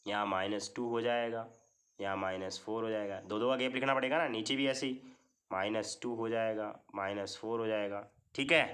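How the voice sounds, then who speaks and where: A man's voice: on the low side, pushed and bright. A man teaching a maths lesson in a classroom style. He explains step by step, keeps checking with the class and asks questions that he answers himself. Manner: explains step by step with many repeated checks like "theek hai".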